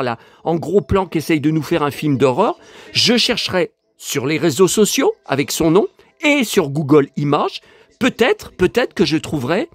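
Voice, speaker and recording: A man talks straight to his viewers in a casual home vlog, rambling and indignant, tripping over fillers and restarts. His voice sits high and leaps around a lot. The sound is close and dry, with no room echo. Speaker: YouTuber.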